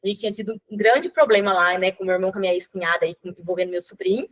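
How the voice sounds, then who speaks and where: A woman's voice: medium pitch, rapid-fire, poor audio. A woman hosting a course for mothers, telling a personal story in a casual spoken lesson full of fillers and acted-out dialogue. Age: adult with a child. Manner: chatty, many fillers like "né" and "tá"; acts out dialogue in her storytelling. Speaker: course host teaching mothers.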